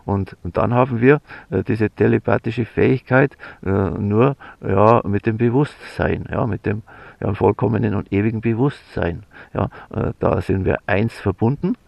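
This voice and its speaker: A man's voice: on the low side, moderate pace, vocal fry, no room sound. A man speaking in an unscripted, rambling spiritual monologue, full of fillers, restarts and a frequent "ja.". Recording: dull lo-fi sound.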